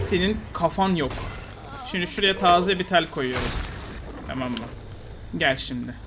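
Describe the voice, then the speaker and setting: Excitable Turkish man streaming a game. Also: a little high, background noise. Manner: excitable, frustrated, taunting, swings loud and quiet. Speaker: gaming YouTuber. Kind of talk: live gameplay commentary.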